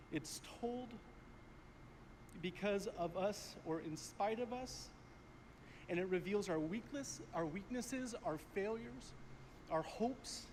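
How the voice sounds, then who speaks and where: A man giving a heartfelt, earnest acceptance speech on an awards stage. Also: sits high. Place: large awards hall stage. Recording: echoey hall with faint noise, played from a broadcast.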